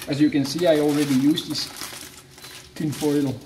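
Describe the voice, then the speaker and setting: A man's voice: on the high side, fairly even intonation, normal speed, background noise. Playful man cooking at home. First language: Dutch. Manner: playful, jokey, restarts mid-phrase. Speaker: cooking vlogger. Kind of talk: casual cooking demo. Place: home kitchen. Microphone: camera mic, handheld and moving. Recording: echoey kitchen with frying sizzle.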